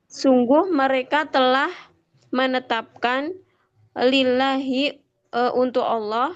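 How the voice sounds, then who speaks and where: A woman reads a classical text aloud slowly and haltingly, pausing on hesitant fillers. Her rather high voice comes through a dull, lo-fi online call that keeps breaking up and cutting out. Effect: choppy, breaking-up online call audio. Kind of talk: slow reading of a classical Arabic text with line-by-line translation. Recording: lo-fi, breaking-up remote call line.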